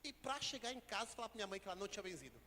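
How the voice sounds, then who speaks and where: Brief: male preacher, high and sharp-toned, storytelling sermon, reverberant church hall. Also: very animated, racing. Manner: storytelling, then rising to loud preaching with sung phrases and tongues. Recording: hall reverb, faint background noise.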